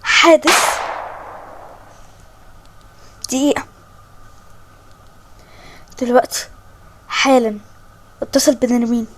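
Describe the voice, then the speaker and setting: Egyptian lady doing a proud old queen, firm and lecturing, higher voice. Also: slow, long pauses, a bit bright. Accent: Egyptian Arabic. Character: stern elderly woman queen, proud and distrustful. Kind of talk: voiced toy-game story.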